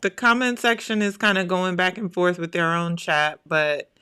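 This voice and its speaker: A woman's voice: on the low side, fairly even intonation, normal speed, bright, forceful tone, clear, resonant tone. A woman co-host passing along viewer questions in a casual chat.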